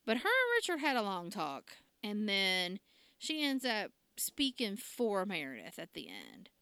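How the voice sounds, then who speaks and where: Recapping a TV drama episode on her podcast, this co-host chats casually, laughs a lot and acts out quotes. Her mid-range voice swings hugely in pitch, sounding sharp, clear and resonant at a measured pace with no echo.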